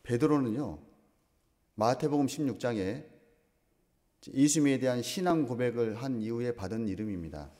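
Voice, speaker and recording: A male pastor preaching a sermon, slow and emphatic, asking the congregation questions. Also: medium pitch, expressive, warm tone. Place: church sanctuary. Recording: long reverb of a church hall.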